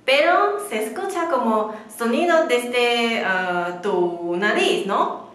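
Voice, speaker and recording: Slow high-voiced Chinese teacher, echoey room. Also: female voice, animated, fairly bright tone. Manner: slow, patient, with non-native Spanish grammar; models syllables in clear, drawn-out repetitions. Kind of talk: beginner language lesson.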